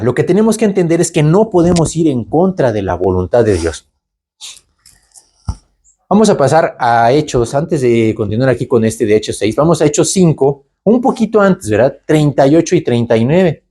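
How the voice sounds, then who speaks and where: Animated preacher man. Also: a little high, husky. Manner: animated, asks rhetorical questions, tags lines with "¿verdad?". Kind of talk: conversational Bible teaching.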